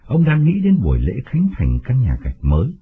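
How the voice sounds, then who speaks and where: Expressive male storyteller, tinny audio. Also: mid-range voice, normal speed. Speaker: narrator. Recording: tinny phone-like sound, faint music.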